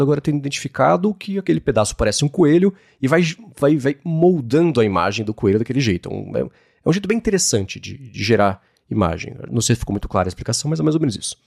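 A Brazilian man co-hosting a tech chat, walking through ideas with lots of asides and restarts. His voice rises and falls in a lively way. It sounds close and dry, with no room around it. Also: mid-range voice, fast talker, vocal fry, dry recording. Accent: Brazilian Portuguese. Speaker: tech podcast co-host. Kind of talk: casual chat.

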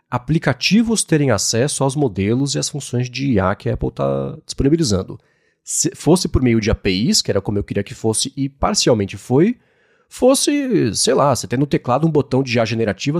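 A Brazilian man co-hosting a tech chat, walking through ideas with lots of asides and restarts. His voice rises and falls in a lively way. It sounds close and dry, with no room around it. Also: medium pitch, vocal fry, dry recording. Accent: Brazilian Portuguese. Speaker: tech podcast co-host. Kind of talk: casual chat.

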